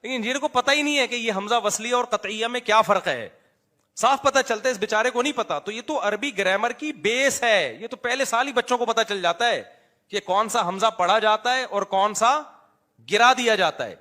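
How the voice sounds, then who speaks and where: A middle-aged man preaching an informal sermon, talking in a conversational way that moves between quiet asides and emphatic teaching. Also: sits high. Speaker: Islamic preacher. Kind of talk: informal sermon with live audience address.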